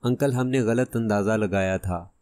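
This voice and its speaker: A brave teenage boy detective makes wry, mocking remarks, as a low-voiced man reads him. The audiobook reading sounds dry and close to the mic. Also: a little mellow, no echo, lightly acted.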